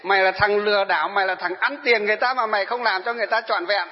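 A man voicing an angry young man who shouts insults and accusations. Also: very high voice, fast, pitched above the performer's own voice. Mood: furious. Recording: dull reverberant hall.

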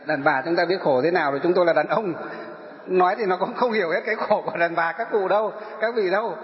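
A Buddhist monk gives a dharma talk to elderly followers, asking them questions and answering them himself. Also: male voice, high voice, quick pace. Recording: echoey hall, dull sound.

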